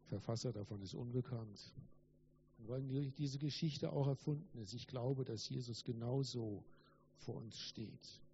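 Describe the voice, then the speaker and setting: A male preacher gives a Christmas sermon and reads a story aloud. His delivery is earnest and emphatic, and he repeats words for stress. His voice is dark and mellow, and the recording is slightly dull with faint hiss. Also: medium pitch, a little slow.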